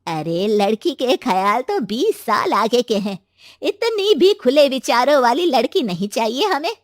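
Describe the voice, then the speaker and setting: A demanding older mother-in-law acted by a woman in a cartoon family drama, bossy and drawling. The voice is very high and slow, with a dry close sound. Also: very animated, no room sound. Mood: disapproving. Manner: drawling, commanding.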